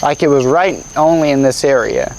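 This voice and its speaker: Male camera operator, creaky mid-range voice, casual chat over faint cricket noise. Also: fairly high pitch, moderate pace, low-quality recording. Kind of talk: casual chat during a ghost hunt.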